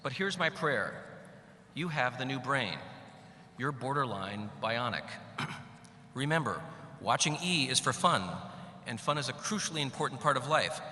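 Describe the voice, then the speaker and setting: A middle-aged man delivers a commencement address in a big hall, his voice ringing back with a long echo. His tone is very bright and forceful, cut with wry asides. A faint hum sits under the room. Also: medium pitch, animated, unhurried. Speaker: commencement speaker. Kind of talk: graduation speech. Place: large hall.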